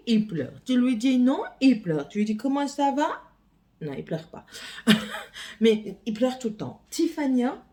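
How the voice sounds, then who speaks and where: A mother chatting casually in a home vlog, rambling and hesitant, with lots of pauses as she talks. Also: a little high, warm tone.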